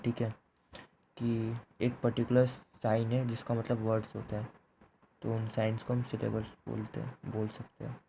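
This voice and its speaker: A man's voice: medium pitch, dark tone, a little hiss or hum, low-quality recording. A man teaching a history class, explaining step by step and checking in with "theek hai" after each point. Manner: repeats points, ends phrases with "theek hai".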